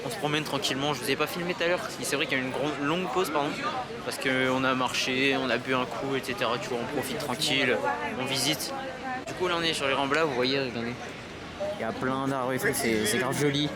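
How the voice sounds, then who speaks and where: A man's voice: medium pitch, fairly even intonation, fast talker, over a noisy crowd. A young man chatting casually and informally in slang as a travel vlogger. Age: young adult. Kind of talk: casual travel vlog chat. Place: mostly outdoors at a seaside city, later inside an apartment.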